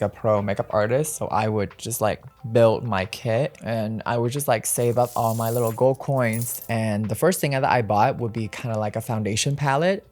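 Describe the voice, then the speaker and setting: Sassy drag queen chatting over music. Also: medium pitch. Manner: sassy drag queen talk, playful and emphatic. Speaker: makeup tutorial host, drag performer. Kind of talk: casual get-ready-with-me makeup chat. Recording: music behind the voice.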